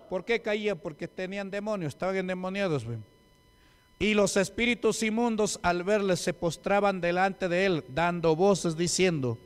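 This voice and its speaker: A man's voice: fairly high pitch, smooth. Man preaching in a ringing hall. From Peru. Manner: emphatic, asks the congregation rhetorical questions. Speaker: deacon preaching. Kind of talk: sermon. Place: church hall. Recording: long church hall reverb.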